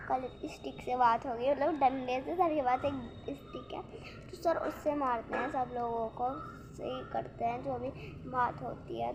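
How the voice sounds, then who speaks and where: A young woman vlogger telling a rambling, excitable story about her day in casual chat. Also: high-pitched, muffled recording, background noise. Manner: rambling, restarts often, excitable retelling.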